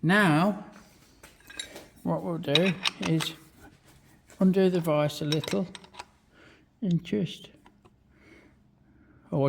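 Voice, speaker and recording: Next to a running milling machine in his small home workshop, a British hobby machinist and vlog host chats matily through each step of a hands-on demonstration, in short bursts and swearing freely. His voice is a little high and gravelly, and the recording is full of loud machine noise, engine sound, and clicks.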